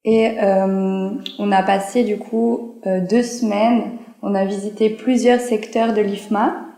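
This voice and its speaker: A woman in her twenties, a social work student, giving a hesitant testimonial with many pauses. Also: mid-range voice, level tone, creaky, mellow, roomy sound. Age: 20s. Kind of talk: testimonial to camera. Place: in Benin.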